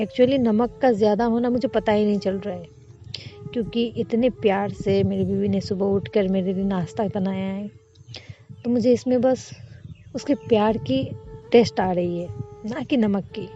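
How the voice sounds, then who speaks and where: A woman's voice: medium pitch, steady tone, normal speed, warm tone, lo-fi sound, faint music behind, close to an everyday voice. A woman voicing an affectionate, possessive young woman who owns a company, doting and teasing.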